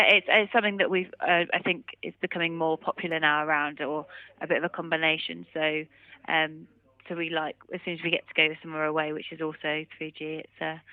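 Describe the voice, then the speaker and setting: Speaking low, a woman plays a rugby player chatting over the phone after a match, hedging through rambling answers peppered with "kind of" and "you know." The phone line is narrowband and muffled, with no room sound.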